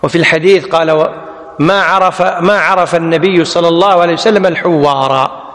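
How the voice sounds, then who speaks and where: A man's voice: a little high, steady tone, brisk, a bit bright. A man teaching a lesson, who repeats each word and quizzes his students. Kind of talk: classical Arabic text lesson. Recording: long hall reverb.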